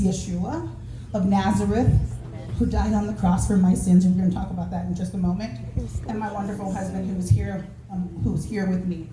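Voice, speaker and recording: Earnest rambling woman in an echoey hall. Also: medium pitch. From Nevada, USA. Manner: earnest, rambling with many fillers. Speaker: public commenter at community meeting. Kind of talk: public comment speech. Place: meeting hall. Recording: echoey hall, far from mic, noisy.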